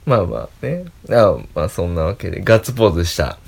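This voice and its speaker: Osaka-accented man, animated, lowish voice. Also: fast, vocal fry, breathy edge. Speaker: co-host. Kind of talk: casual chat.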